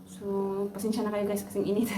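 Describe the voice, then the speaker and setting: A woman from the Philippines chats through a casual product-review vlog, her voice kept low and soft on purpose. She rambles in a mix of Tagalog and English, dotted with fillers and restarts. She is close to a phone with a clip-on mic, with a faint hum of background noise. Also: steady tone. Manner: soft-spoken, deliberately keeps voice low; chatty Taglish with many fillers. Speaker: overseas worker vlogger. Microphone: phone with clip-on lavalier mic.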